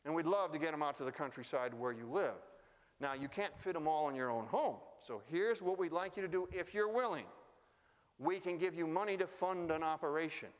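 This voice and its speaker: An urgent, persuasive resistance agent voiced by a man storyteller, pitched a little high. The words echo with a long hall reverb. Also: expressive, a little fast, close to an everyday voice.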